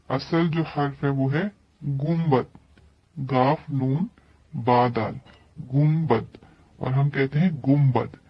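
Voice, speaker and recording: A man teaching a tajweed lesson, patiently explaining each rule and repeating every example word slowly. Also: medium pitch, no echo, highs cut off. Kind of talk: tajweed lesson explaining Quran reading rules.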